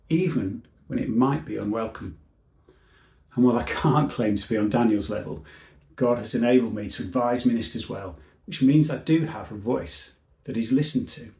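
Here a male civil servant delivers a seminar talk in an earnest, measured way, each phrase tapering off. There's vocal fry in his mid-range voice, the tone is dark, and the room sounds spacious.

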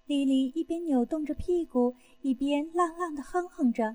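A woman narrating an erotic audio story in the first person, intimate and breathy. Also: high voice, moderate pace, darkish tone, dry recording.

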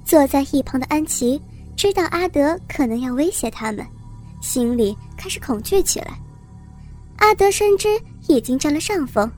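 A woman narrating a story in a steady, even storytelling voice. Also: high-pitched, moderate pace, soft background music. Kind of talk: scripted narration.

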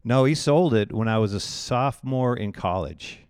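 A man's voice: mid-range voice, expressive, normal speed, darkish tone, clean tone, no room sound, clean studio sound. A man in his forties from Iowa, a pastor being interviewed in casual talk, who rambles and often restarts his phrases. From Iowa, USA. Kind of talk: conversational interview.

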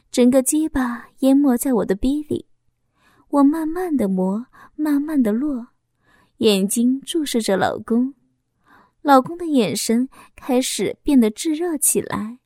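A woman with a fairly high voice reads a first-person audio story aloud. Her delivery is soft, steady and unhurried, and the sound is dry and close, with no room echo. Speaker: narrator.

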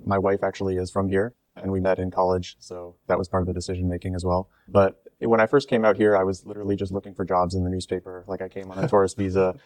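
A man in his thirties from the area around Washington DC answers interview questions quickly in a deep, fairly flat voice. He explains things easily, restarting a word now and then. The sound is dry and close. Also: no room sound. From United States, near Washington DC. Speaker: startup co-founder and CEO. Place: exhibition space.

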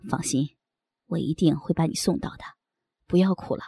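A woman voicing an eager adult man in an audio story, speaking in a husky, breathy half-whisper. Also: normal speed, mellow, dry recording, studio quality, exaggerated voice. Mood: soothing. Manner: low murmured lines, teasing and pleading.

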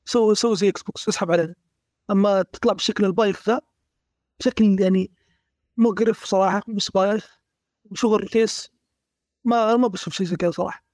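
A man's voice: high voice, fairly even intonation, fast talker, pauses often, a little mellow, no room sound, clean studio sound. A man in a casual gaming discussion, blunt and emphatic as he complains.

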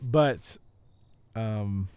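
A man's voice: lowish voice, extremely slow, darkish tone, smooth, no echo. Rambling man in his thirties, chatting. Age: 30s. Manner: rambling, laughing, self-deprecating. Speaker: podcast co-host. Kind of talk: casual chat.

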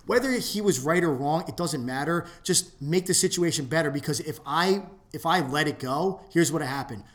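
A man in casual podcast chat, telling a long story with many restarts and trailing off into low mutters. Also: normal speed, a bit bright. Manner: rambling, restarts often, drops to a low mutter when quoting.

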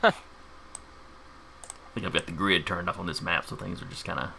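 A man narrating a tabletop game as game master, informal and halting as he improvises. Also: deep voice, fairly even intonation, creaky, bright, forceful tone, a little hiss or hum.

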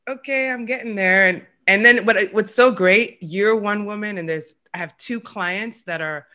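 A woman in her forties hosting a podcast, reading a scripted intro and then chatting with a bubbly, animated manner. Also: mid-range voice, moderate pace. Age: 40s. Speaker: podcast host.

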